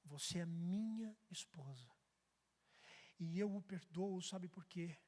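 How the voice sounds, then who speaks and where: A man playing a calm, forgiving husband. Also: sits high. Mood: tender, calm. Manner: slow, soft, tender. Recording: echoey church hall.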